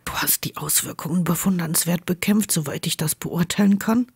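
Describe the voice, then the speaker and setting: A woman voicing an earnest, troubled young male wizard who speaks quietly and insistently, close to her own voice. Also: mid-range voice, measured pace, lightly acted. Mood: hushed.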